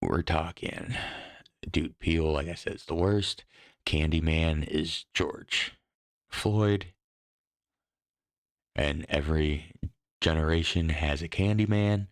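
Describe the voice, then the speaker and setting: Very deep gravelly man ranting. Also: slow, pauses often, no echo. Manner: profane, rambling, exasperated. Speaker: podcast host. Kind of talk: casual ranting commentary.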